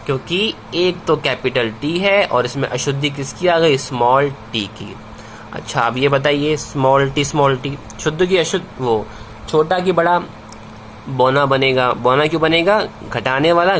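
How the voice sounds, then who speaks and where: A man teaching a science lesson to students, asking questions and answering them himself, repeating key words and slowing down on the answers. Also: fairly high pitch, fairly bright tone, a little hiss or hum. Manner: calls students "bhai", slows down on key answers. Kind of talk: classroom-style video lesson.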